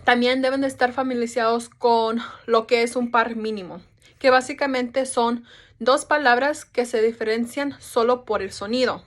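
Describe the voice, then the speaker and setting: A woman's voice: fairly high pitch, fairly even intonation, moderate pace. Young woman giving a class talk. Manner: informal explanation with restarts and English fillers. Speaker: student presenter. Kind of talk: class presentation.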